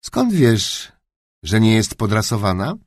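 A man voicing a calm but cheeky twelve-year-old girl who answers back bluntly in a storybook reading. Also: fairly low pitch, unhurried, no room sound, studio quality. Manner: blunt, retorting.

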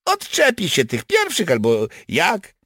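A man voicing a brutal, eager village man who is quick to kill, speaking loud and blunt in an audiobook. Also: a little high, wildly swooping pitch, breathy edge, no room sound, studio quality, voice pushed up, full character voice. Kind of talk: audiobook character voice.

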